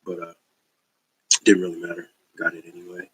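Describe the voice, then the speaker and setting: On poor audio with slight background noise, a man talks a little fast in a low, pushed, bright voice with completely flat delivery. He's a comic book collector presenting his haul in a casual video, relaxed and slangy, rambling with many fillers.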